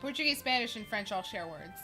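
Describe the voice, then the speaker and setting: A young woman co-hosting a gaming stream, excitable and bubbly, often stammering as she talks. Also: mid-range voice, a little fast. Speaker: streamer co-host. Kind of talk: casual gaming stream chat. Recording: faint game music behind.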